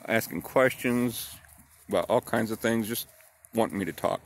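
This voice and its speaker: A man in his fifties telling a childhood story in a plain, unhurried way, with a pipe in his mouth. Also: fairly low pitch. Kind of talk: casual personal storytelling.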